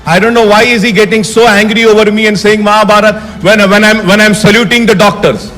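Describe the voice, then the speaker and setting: A man's voice: high-pitched, fairly even intonation, drawn-out words, bright, forceful tone, faint music behind. A man with an Indian English accent giving an emphatic floor speech in a legislative assembly, piling up rhetorical questions. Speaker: opposition legislator. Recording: reverberant assembly hall.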